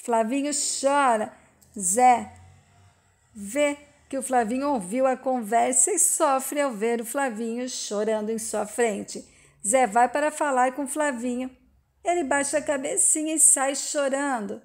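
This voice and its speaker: A woman narrates a telenovela recap in a plain storytelling way. Her voice sits high, and she keeps introducing each quote with a simple tag. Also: a little slow, a little mellow. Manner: plain storytelling with "e diz" tags. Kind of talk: reading a telenovela recap aloud.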